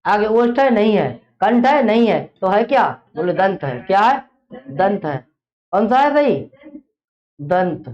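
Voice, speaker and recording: A woman's voice: mid-range voice, animated, measured pace. A woman teaching an exam-prep class, who fires off a question, repeats it, and then answers it herself. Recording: dull lo-fi classroom recording.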